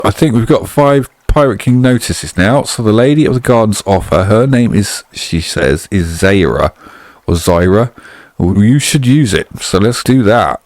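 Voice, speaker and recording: A man's voice: lowish voice, darkish tone, no echo. A man hosting a video game playthrough, chatty and offhanded, reading the game's narration aloud and then commenting on it.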